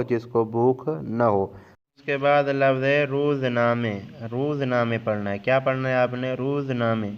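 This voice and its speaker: A man with a Pakistani Urdu accent teaching a vocabulary lesson, repeating each word twice in a slow, drilling way. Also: mid-range voice, clear, resonant tone, lo-fi sound. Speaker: language teacher.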